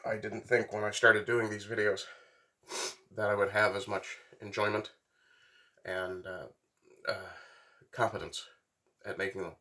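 Congested, stuffy-nosed man, low-pitched. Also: flat delivery, sharp tone. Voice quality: stuffy, congested nasal sound. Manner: rambling, halting, with long pauses. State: sick with a blocked nose, congested and coughing. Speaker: vlogger. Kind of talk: unscripted casual monologue to camera. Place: small wooden workshop, indoors.

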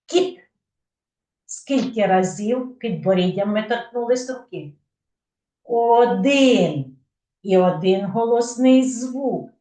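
A woman teaching young children, speaking slowly in a sing-song way and stressing syllables carefully. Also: fairly high pitch, mellow. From Ukraine. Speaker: kindergarten teacher. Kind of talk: slow, clear lesson for young children. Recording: echoey room, mic far off.

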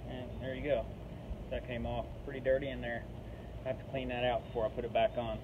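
A man in his thirties talks through a hands-on fix in an easy, practical way, as if showing a friend. The sound is thin and phone-like. Clear background noise from outdoors runs under his voice. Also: mid-range voice, quick pace. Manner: relaxed, step-by-step explaining while working with tools. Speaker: DIY repair vlogger. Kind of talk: casual how-to narration. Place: outdoors at the open back of a vehicle. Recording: tinny phone audio, noisy outdoor background.

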